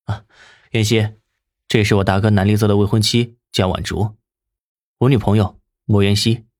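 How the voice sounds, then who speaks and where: A woman's voice: a bass voice, little pitch movement, normal speed, a little mellow, no echo, studio quality, pitched below the performer's own voice. A woman reading aloud, voicing a cool, terse young man who answers in short, clipped lines. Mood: calm.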